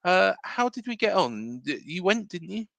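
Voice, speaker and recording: A man's voice: high-pitched, very animated, moderate pace, vocal fry, fairly bright tone, no echo. An English man hosting a casual football fan livestream, rambling with lots of fillers and reading out viewer comments. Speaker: football podcast host.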